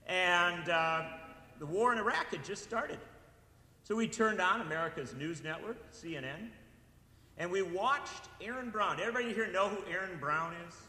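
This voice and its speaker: Man, from Wisconsin, political speech, impassioned, very bright sharp tone, roomy echoey hall. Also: sits high, lively intonation, normal speed. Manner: impassioned, rising to shouted repeated appeals. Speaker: speaker at a political event. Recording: echoey hall with long reverb.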